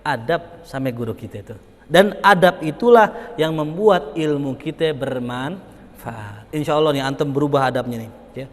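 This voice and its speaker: A young man giving an informal religious study lecture, animated and chatty, acting out little dialogues and chuckling between points. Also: normal speed, long reverb tail. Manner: animated, acts out dialogues with big pitch jumps, chuckles often. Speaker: religious teacher.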